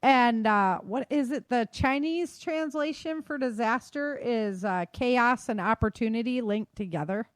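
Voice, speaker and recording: A podcast host with a slightly high voice gives advice on a casual talk show, emphatic and colloquial, often checking in with "right?". She speaks at a measured pace with few pauses, in clean studio sound with no room echo.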